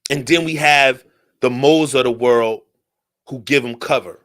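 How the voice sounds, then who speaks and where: A man hosting a solo talk radio show, ranting in a profane, animated way and firing off rhetorical questions. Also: mid-range voice, moderate pace.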